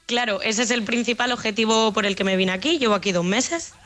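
Young woman guest, Madrid-tinged Spanish, warm chatty phone-in tone, faint music behind. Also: on the high side, fairly quick. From Extremadura, Spain. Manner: chatty, lively, laughs often. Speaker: guest, au pair in Ireland. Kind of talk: casual radio chat.

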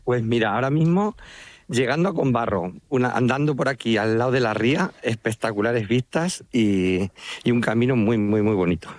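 A middle-aged man from La Mancha speaks with a Manchego Spanish accent at medium pitch and a moderate pace. He founded a pilgrimage travel agency and joins a casual radio interview by phone, talking loosely with lots of fillers. He's walking outdoors along an estuary as he talks.

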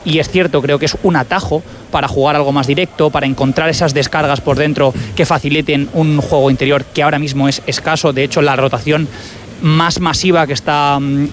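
A man's voice: a little high, steady tone, fast talker, slight background noise. A man with a Spain accent giving articulate, wordy football analysis on sports radio.

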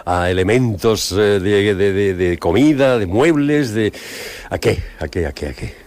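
A man's voice: lowish voice, measured pace, darkish tone. A man hosting a radio interview, reading a scripted introduction and then chatting with filler words. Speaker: radio host.

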